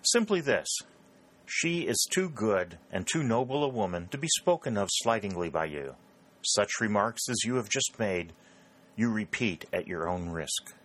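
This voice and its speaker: A man's voice: on the low side, big pitch swings, a little slow, fairly bright tone, voice pushed up, full character voice. A man reading aloud, voicing a stern and honorable young male captain in a storybook reading. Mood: indignant.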